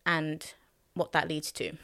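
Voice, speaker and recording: A young woman from London, England, a guest on a casual conversation, looks back on her student years with thoughtful candor, plenty of fillers and easy laughter. Her deep, gravelly voice is bright and forceful, with little pitch movement and a slow pace. The recording is dry and of studio quality.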